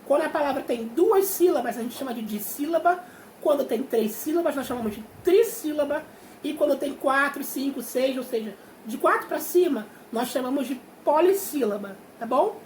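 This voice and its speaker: A high-pitched Brazilian woman teaching a young class, patient and clear, stretching out words syllable by syllable. Her voice rings in an echoey room. A faint hiss sits under the recording. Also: expressive, moderate pace, darkish tone. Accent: Brazilian Portuguese. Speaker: primary school teacher. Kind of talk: remote class explanation.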